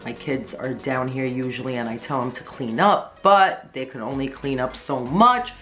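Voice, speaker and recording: A woman in her thirties talks through her housework in a clean-with-me vlog, upbeat and matter-of-fact as she explains each step. Her voice sits unusually deep for a woman. Soft music plays faintly under her words in a small home. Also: moderate pace. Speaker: cleaning vlogger. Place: small home, living room and pantry.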